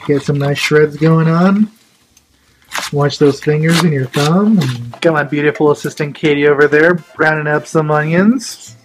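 A man's voice: fairly high pitch, steady tone, normal speed, faint music behind, rough recording. A young man hosting a casual comedic cooking vlog in a home kitchen, talking in a drunk, goofy, rambling way. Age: young adult. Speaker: vlog host.

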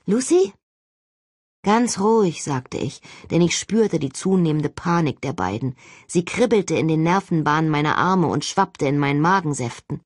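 Husky expressive female audiobook narrator. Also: low voice, moderate pace, dry recording, clean studio sound. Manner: expressive, dramatic reading. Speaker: audiobook reader. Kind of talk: first-person scripted narration.

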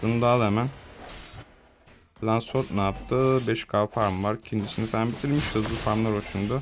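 A man's voice: fairly low pitch, steady tone, fairly quick, noisy background. A young man giving casual, slangy live commentary on his own match, chatting to viewers and teammates. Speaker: gaming streamer.

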